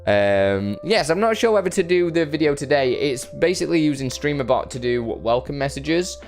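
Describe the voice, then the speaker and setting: A man's voice: a little high, animated, moderate pace, soft background music. Rambling, self-deprecating male streamer. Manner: rambling, self-deprecating, greets chat by name. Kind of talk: casual live-stream chat. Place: his brother's home.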